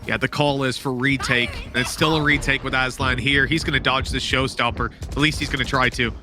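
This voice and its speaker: A man doing excited play-by-play as an esports caster, moving from measured calls up to shouts. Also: mid-range voice, noisy background. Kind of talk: excited live esports commentary.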